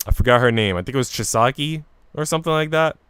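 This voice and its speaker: A man streams games casually, chatting with his viewers in informal slang and reading visual novel dialogue aloud. His medium-pitched voice is fast, a bit bright, and clean in a dry recording.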